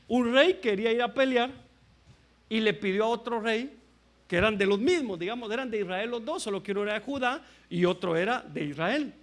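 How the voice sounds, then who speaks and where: Male pastor, high bright voice, animated sermon storyteller who acts out the characters. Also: vocal fry. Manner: animated storytelling, acts out the kings' and prophet's lines; addresses listeners as "hermano".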